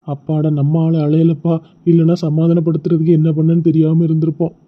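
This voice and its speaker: A man doing a doting Kanyakumari dad, high-voiced. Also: completely flat delivery, a little fast, narrow, tinny audio, close to an everyday voice. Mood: relieved. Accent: Kanyakumari Tamil. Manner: gently coaxing, affectionate. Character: doting middle-aged father of the bride. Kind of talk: cartoon voice acting.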